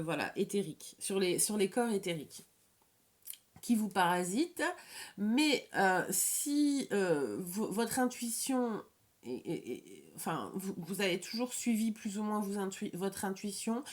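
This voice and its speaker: A woman with a slight lisp and slushy s sounds gives an informal, improvised card reading as an oracle reader, haltingly repeating and rephrasing her words. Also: medium pitch, expressive.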